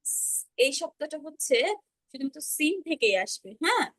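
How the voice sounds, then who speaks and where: A woman's voice: high-pitched, animated, moderate pace, a bit bright. A woman teaching Arabic letter pronunciation in an online class over a video call, patiently repeating sounds for students to echo. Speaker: Quran recitation teacher.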